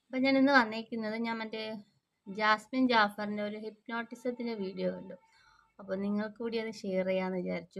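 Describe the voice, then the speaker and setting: A woman vlogger talks straight to her viewers in a chatty, casual way. Her voice sits at a middling pitch. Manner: chatty, addresses viewers directly. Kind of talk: casual vlog talk.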